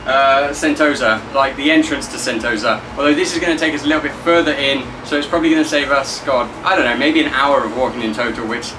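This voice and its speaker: A man's voice: medium pitch, steady tone, fast, hardly any pauses, noisy background. A young man vlogging his travels outdoors, chatty and teasing, talking into a handheld camera. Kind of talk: casual vlog narration. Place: outdoors and in a cable car.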